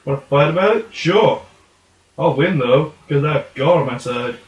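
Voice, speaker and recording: A man voicing a stubborn, quarrelsome holy warrior sock puppet with goofy, loud bickering. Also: on the high side, expressive, moderate pace, recorded from a distance, natural voice. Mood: combative, stubborn. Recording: echoey room.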